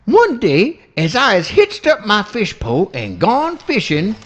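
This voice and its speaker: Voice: mid-range voice, wildly swooping pitch, unhurried, background noise. An actor voicing a mild-mannered male possum in folksy swamp dialect with mangled grammar, in a live radio play. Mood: folksy narrating.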